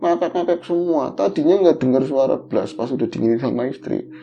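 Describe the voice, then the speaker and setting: A middle-aged Javanese-accented man tells his story casually. His voice is gravelly and very dark, and it jumps upward when the tension builds. The audio is dull and lo-fi, with a faint hiss behind it. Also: brisk. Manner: animated, pitch jumping up in tense moments. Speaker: guest telling his story.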